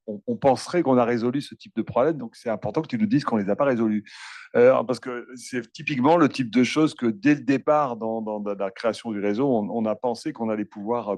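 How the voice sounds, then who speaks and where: A man's voice: lowish voice, warm tone, no room sound. A man moderating a conference session, speaking off the cuff and often repeating small words. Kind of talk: spontaneous conference remarks.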